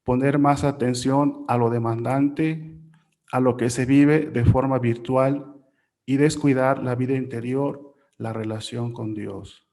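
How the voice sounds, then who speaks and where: A man's voice: mid-range voice, fairly even intonation, takes it slowly, dark tone. Man reading a formal report. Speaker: workshop presenter. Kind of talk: reading a prepared group report.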